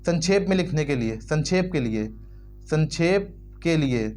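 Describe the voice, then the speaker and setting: A man's voice: on the high side, expressive, moderate pace, a little mellow, faint music behind. A man teaching English grammar in Hindi, repeating words over and over and spelling them out letter by letter. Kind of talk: explanatory lesson in Hindi.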